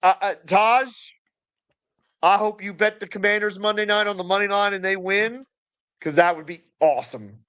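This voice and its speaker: A man with a high, smooth, resonant voice co-hosts a relaxed sports podcast. He lays out his points in a measured, reasoned way and laughs easily at the banter. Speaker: co-host. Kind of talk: casual sports podcast chat.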